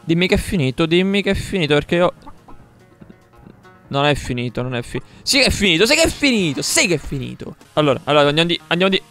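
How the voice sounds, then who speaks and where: A young man commentates his own gameplay in an excitable, high-pitched voice that swings wildly up and down. He repeats words in rapid bursts and swears at mishaps. Game music plays faintly behind him. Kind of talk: live let's-play commentary.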